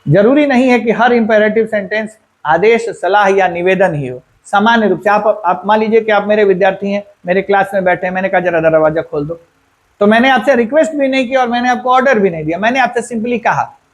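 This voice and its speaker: A man teaching English grammar as a teacher in a lesson. He explains step by step, asks and answers his own questions, and says example sentences slowly. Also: high voice. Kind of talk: classroom-style grammar lesson.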